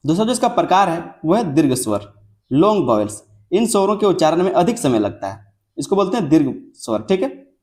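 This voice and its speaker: A man's voice: on the high side, big pitch swings, darkish tone. A young man teaching a lecture, repeating points and drawing out example words, often checking in with his students. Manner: repetitive, drawn-out example words with frequent checks like "theek hai". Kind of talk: classroom lecture.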